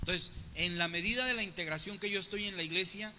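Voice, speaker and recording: A man's voice: high-pitched, quick pace, sharp tone, long reverb tail, a little hiss or hum. A man speaking earnestly in a church panel talk, preaching-style and emphatic, often repeating words as he searches for them. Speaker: church leader in a panel discussion.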